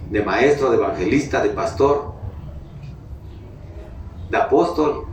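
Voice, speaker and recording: A man from Mexico preaches to his congregation, chatty and personal, often stopping to ask them questions. He is heard from some distance in a roomy, echoing church hall. A faint hum of the room sits behind him. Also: mid-range voice. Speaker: pastor. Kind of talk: sermon. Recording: echoey hall, mic at a distance.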